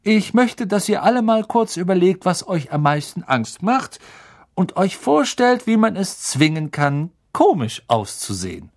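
A man putting on a cheerful, high-voiced kindly professor. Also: very animated, heavily acted. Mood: cheerful coaxing. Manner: cheerful, coaxing, drawn-out questions. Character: good-humored, kindly middle-aged male professor.

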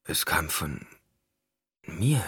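A man voicing a loyal but confused cloned male servant who speaks haltingly in a subdued way. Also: very deep voice, sing-song, fairly bright tone, slightly rough, no echo, studio quality, heavily acted.

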